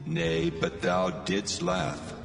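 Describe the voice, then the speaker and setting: A man's voice: sits low, very animated, very slow, vocal fry, heavily acted. A man voicing God as a grave, majestic, commanding figure in a dramatized scripture reading. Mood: stern promise. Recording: long cavernous reverb, loud music behind. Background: music.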